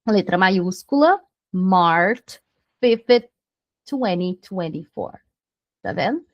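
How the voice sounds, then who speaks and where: A woman's voice: on the low side, expressive, very slow, dry recording, dull audio. A Brazilian woman teaching English to beginners, patiently explaining pronunciation and checking in with the learner after every point. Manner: patient, repeats checks like "tá bom?".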